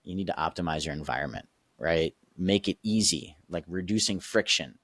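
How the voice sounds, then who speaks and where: Appearing as a guest coach on a podcast, a man explains his method in a casual, emphatic way, checking in with listeners and laughing easily. His voice is low-pitched and a bit bright, captured in studio quality with no room sound.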